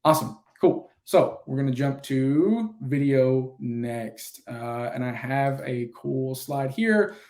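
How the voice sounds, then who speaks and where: A man giving a casual, livestreamed lesson as the instructor, relaxed and loose, with frequent ums and uhs. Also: medium pitch, takes it slowly, hardly any pauses. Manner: relaxed, with many fillers.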